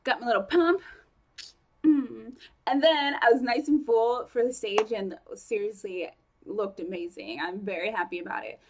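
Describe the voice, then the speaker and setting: Fast-talking chatty young woman vlogger. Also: on the high side. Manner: fast, chatty, lots of fillers and self-corrections. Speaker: fitness vlogger. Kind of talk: casual vlog chat.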